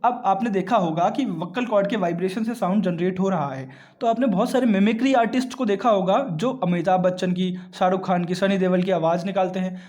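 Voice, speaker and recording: A man's voice: high-pitched, fairly quick, a little mellow. Man teaching, checking in every line. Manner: explains step by step, often checks with "ठीक है" and calls listeners "बेटा"; asks questions and answers them himself. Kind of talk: classroom science lesson.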